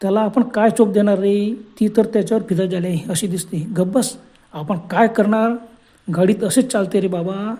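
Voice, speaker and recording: A man voicing a calm, watchful man on a night train, speaking low and urging restraint in a horror story. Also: normal speed. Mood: hushed, cautious.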